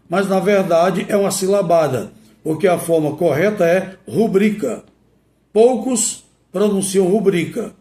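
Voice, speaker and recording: A male teacher giving a didactic lesson, speaking deliberately and spelling words out letter by letter. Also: high voice, a little mellow, echoey room. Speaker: Portuguese language teacher.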